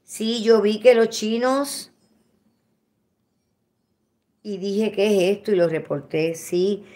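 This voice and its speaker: A Puerto Rican woman chatting casually with her followers at home, expressive and quick to swear. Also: mid-range voice. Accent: Puerto Rican Spanish. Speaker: vlogger. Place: at home, indoors.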